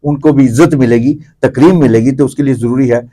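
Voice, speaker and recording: With a medium pitch and a steady, dark tone, a middle-aged Pakistani man gives his opinions as an interview guest and theatre commentator. He explains things at length, repeating phrases as in everyday talk.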